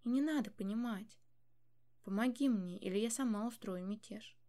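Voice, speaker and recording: A woman voicing a desperate young woman who pleads with her father in a loud, breaking voice, in a storybook reading. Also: fairly high pitch, moderate pace, lightly acted. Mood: defiant.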